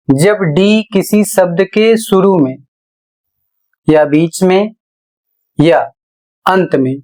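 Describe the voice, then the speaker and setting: A man's voice: high voice, a little mellow. A man teaching English pronunciation, explaining rules step by step and spelling each example word out letter by letter. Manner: deliberate, spells words letter by letter. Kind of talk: classroom-style explanation.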